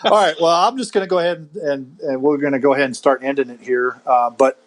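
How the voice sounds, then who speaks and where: A podcast host chats casually over a video call, easygoing and talkative, laughing often and restarting his sentences. He has a medium-pitched voice and a quick pace, and the audio is poor.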